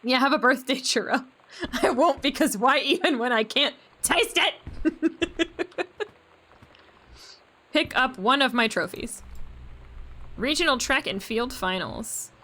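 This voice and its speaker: A woman's voice: high-pitched, animated, takes it slowly, pauses often, bright, forceful tone. A young adult woman streamer giving casual, joking commentary while playing a game, giggly and swearing casually.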